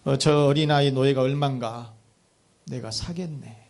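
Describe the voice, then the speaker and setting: A man voicing a kindly old gentleman who speaks in a gentle, fatherly way while telling a story in a sermon. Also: mid-range voice, measured pace, creaky.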